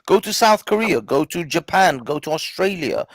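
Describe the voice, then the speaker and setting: A man originally from Iran argues his case with force and frequent swearing, repeating lines to drive them home. His voice sits high for a man and has a gravelly edge. The sound is dry and close. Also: very animated, normal speed, no room sound. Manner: forceful, profane, repeats himself to press a point. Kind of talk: heated casual debate.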